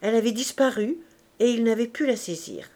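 A woman reading a classic novel aloud as an audiobook narrator, clear and measured. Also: a little high, lively intonation, warm tone. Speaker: audiobook reader.

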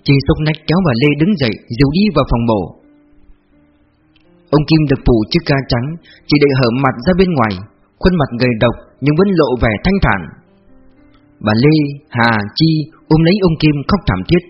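Guy reading a story aloud, steady, muffled lo-fi with soft music behind. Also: fairly high pitch, normal speed. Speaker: narrator. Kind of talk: audiobook narration. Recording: dull lo-fi with faint music.

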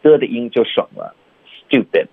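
A man teaching English pronunciation in Chinese, mixing in English and slowly repeating phrases sound by sound. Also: lowish voice, expressive, husky, no echo, narrow, tinny audio. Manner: breaks sentences into sounds and repeats them slowly.

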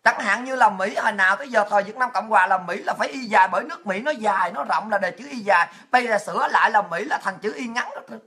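A woman's voice: medium pitch, fast talker, few pauses, fairly bright tone. A woman, telling a crude, mocking story and ranting at her viewers in a monologue full of profanity.

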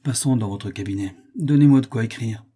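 A man's voice: mid-range voice, a little fast, mellow, breathy edge, close to an everyday voice. A man reading the part of a stern old count who speaks curtly and coldly.

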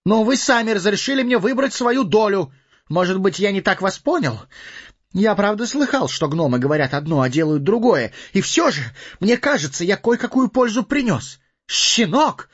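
Bilbo, a high stammering timid hobbit. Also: male voice, big pitch swings, normal speed, slightly rough, no room sound, dull audio, exaggerated voice. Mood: flustered. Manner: stammering, pleading. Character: frightened small male hobbit, timid.

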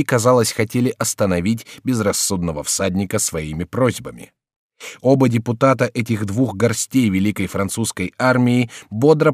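Audiobook narrator, man, measured, lowish voice, dry studio. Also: a little mellow, no room sound. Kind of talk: scripted narration. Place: recording studio.

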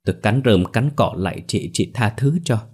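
A man's voice: fairly low pitch, lively intonation, moderate pace, darkish tone, husky. A man voicing a middle-aged mother tearfully begging forgiveness. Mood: pleading. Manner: tearful, pleading apology.

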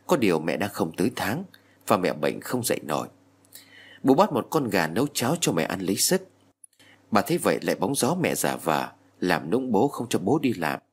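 A man with a low, husky voice tells a horror story, his pitch rising and falling with lively emphasis. Faint music plays underneath the narration.

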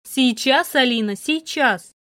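A woman's voice: high voice, slow pace, no echo, studio quality. Woman doing a harsh, scolding mother. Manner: sharp, scolding. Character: harsh, bitter middle-aged mother.

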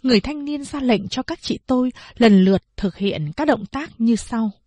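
A woman reads a novel aloud in measured, steady storytelling. Her voice is husky and slightly breathy, recorded close and dry with no room sound. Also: on the high side, dry recording. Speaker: audiobook narrator. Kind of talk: scripted narration.

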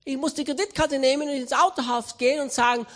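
A man's voice: very high voice, fast talker. A man preaching, telling a humorous anecdote with acted-out voices. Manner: storytelling, humorous, animated.

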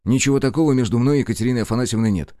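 Man voicing a firm young gentleman. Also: medium pitch, very fast, no echo, clean studio sound, lightly acted. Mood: stern. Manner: firm and curt. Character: calm young gentleman losing patience.

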